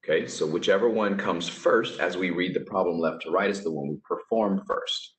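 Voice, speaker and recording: Low-voiced man teaching math, echoey room. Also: normal speed. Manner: chatty, offhand asides, trails off with "whatever". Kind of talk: casual math lesson explaining steps.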